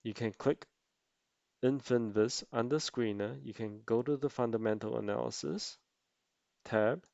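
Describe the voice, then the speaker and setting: A man narrating an explanatory tutorial as an amateur presenter, speaking haltingly in short phrases. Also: mid-range voice, creaky, a little mellow, no echo, lo-fi sound. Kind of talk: explanatory investing tutorial voice-over.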